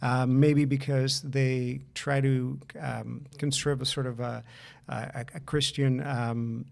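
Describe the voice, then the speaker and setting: A man's voice: mid-range voice, little pitch movement, slow, vocal fry, a little mellow. A middle-aged man from Chile co-hosting a podcast, talking earnestly and often checking in with "right?". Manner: earnest, repeats words when starting, asks "right?" often. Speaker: podcast co-host. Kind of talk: casual podcast conversation.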